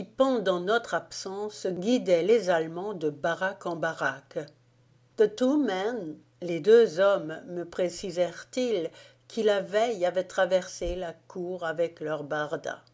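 Slow, low-voiced woman audiobook reader. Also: darkish tone. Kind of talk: audiobook narration of a wartime memoir.

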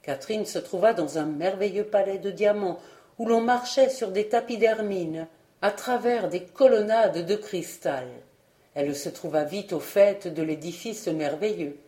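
A woman narrating a storybook in a calm, measured reading voice. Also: mid-range voice, reverberant. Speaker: audiobook reader.

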